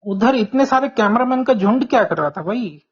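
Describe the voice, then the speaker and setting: A man's voice: extremely high pitch, expressive, normal speed, husky. An Indian man chatting casually as a panelist on a live cricket watch-along. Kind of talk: casual chat. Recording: dull, lo-fi voice audio.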